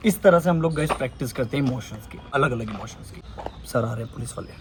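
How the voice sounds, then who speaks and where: A man's voice: mid-range voice, fast talker. A man vlogging casually outdoors near a railway line, acting out emotions between chatty asides. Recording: loud outdoor noise with passing traffic.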